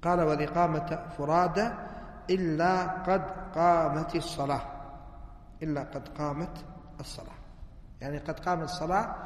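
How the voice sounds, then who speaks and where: A man's voice: fairly high pitch, slight background noise. A man, a religious teacher lecturing on hadith texts, who keeps asking rhetorical questions and answering them himself. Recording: echoey hall reverb.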